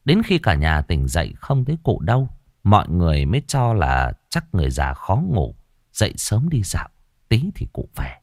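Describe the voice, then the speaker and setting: A man's voice: low voice, huge pitch swings, normal speed, no room sound, clean studio sound. A man narrating a ghost story with dramatic, suspenseful delivery.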